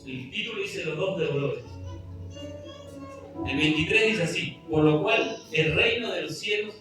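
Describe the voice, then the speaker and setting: A man preaches a sermon in an earnest, pleading way, his voice sitting a little high. He sounds far from the mic in a strongly echoing hall, with music clearly playing behind him. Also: unhurried. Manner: earnest, pleading, reads scripture aloud. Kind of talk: sermon with scripture reading. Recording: echoey room, distant mic, music behind.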